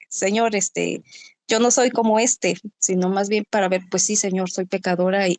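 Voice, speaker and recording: A woman's voice: mid-range voice, a little mellow, no echo. A woman sharing a reflective personal testimony in a Bible study, asking rhetorical questions. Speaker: group member sharing testimony.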